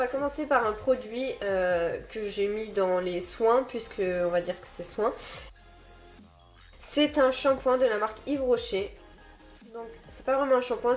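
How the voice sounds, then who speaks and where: A woman with a very nasal, stuffed-up voice, sick with a blocked nose, chatting casually and apologetically to viewers as she recommends beauty products. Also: fairly high pitch. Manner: self-deprecating, apologetic. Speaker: beauty and haul vlogger.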